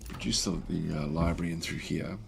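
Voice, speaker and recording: Recovering from feeling unwell, a man with a croaky throat gives casual, halting livestream commentary while playing a strategy game, thinking aloud and reading and answering viewer chat. His voice is low and steady, with a little hiss or hum underneath.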